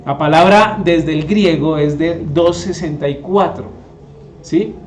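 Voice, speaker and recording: A man's voice: on the high side, measured pace, slight background noise. A man, teaching the Bible to a group and often asking them rhetorical questions. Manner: asks the audience rhetorical questions. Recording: echoey room.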